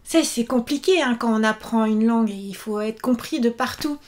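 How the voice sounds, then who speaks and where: A woman in her thirties chatting casually to camera in a vlog, animated and full of fillers. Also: a little high, normal speed. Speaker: YouTuber and author.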